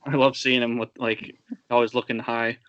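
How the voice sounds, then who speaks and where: A man in loose podcast chat who hesitates and trails off mid-thought. His voice is bright and forward at a middle pitch. It is recorded close and dry. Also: level tone, moderate pace, no echo, highs cut off. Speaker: podcast guest. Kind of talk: casual chat.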